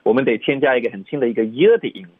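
A man teaching English pronunciation in Mandarin on the radio, slowly modeling English phrases again and again. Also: mid-range voice, lively intonation, slightly rough, no echo. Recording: dry, phone-like narrow radio sound.

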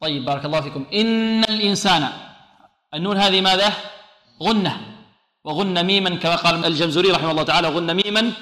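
A man teaching Quran recitation to a class. He poses questions to students, answers them himself, and slows down to demonstrate each word carefully. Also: high voice, sharp tone. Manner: often repeats a short blessing to students. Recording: echoey room.

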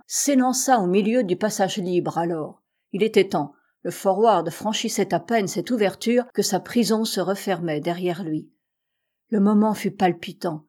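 A woman narrating a classic adventure novel as an audiobook, in a measured, even storytelling manner. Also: mid-range voice. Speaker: audiobook reader.

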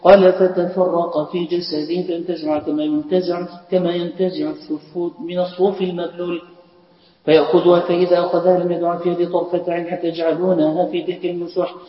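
Male student reader, rapid flat recitation of old texts, distant roomy lo-fi recording. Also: sits high. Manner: flat, hurried reading of narrator chains. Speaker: student reading the text aloud. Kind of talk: rapid recitation of classical hadith text. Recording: distant, echoey hall, dull lo-fi sound.

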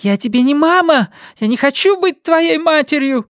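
A reader voicing a bitter grown woman who shouts shrilly in fits of temper. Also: medium pitch, slow, no room sound, studio quality, voice pushed up. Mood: shrill.

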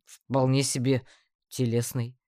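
A prim, self-important male mage, as the reader puts him on, speaking in a measured, lofty way. The voice is dry and close, with no room around it. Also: medium pitch, flat delivery, mellow, no echo, natural voice. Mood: stern.

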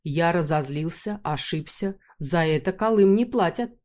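A woman voicing a hot-headed, boastful bearded man who talks slowly with mangled grammar. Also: fairly low pitch, expressive, darkish tone. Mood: haggling. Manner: mangled grammar, slow and drawling.

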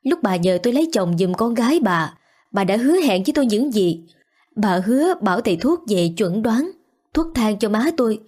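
A woman's voice: medium pitch, big pitch swings, normal speed, darkish tone, breathy edge. A woman voicing a grieving young wife who confronts those who let her mother die. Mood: furious. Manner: pleading, then accusing. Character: young wife, grief-stricken and furious.

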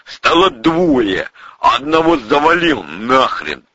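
A man's voice: medium pitch, big pitch swings, a little slow, bright, forceful tone, slightly rough, no echo, muffled recording, heavily acted. A man voicing a brash, fearless male gangster who barks bold commands.

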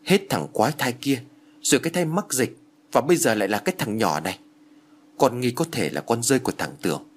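A timid young wife speaks haltingly, her voice worried and wavering, as a man puts her on. A faint breathiness runs through it. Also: mid-range voice, lively intonation, lightly acted. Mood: hesitant. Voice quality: hesitant, anxious.

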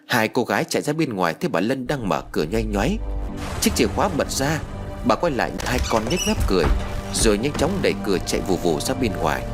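A man narrating a ghost story from a script in an expressive, dramatic way. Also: lowish voice. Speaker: audiobook narrator. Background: background music.

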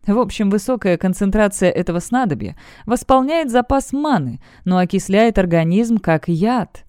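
A woman voicing a tired male necromancer mage in a fantasy audiobook, speaking in a measured, weary way. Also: medium pitch, lively intonation, a little mellow, smooth, no echo, studio quality, lightly acted.

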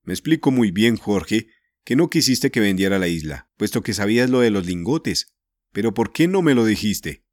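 A man playing a gruff, bad-tempered middle-aged uncle who speaks sternly and loudly. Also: lowish voice, expressive, normal speed, dry recording, lightly acted.

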